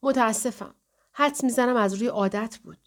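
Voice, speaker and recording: A restless young woman with no memory and a quick temper, voiced by a woman narrator in an audiobook scene. Her lines sit a little higher than the plain narration. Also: lightly acted. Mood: uneasy.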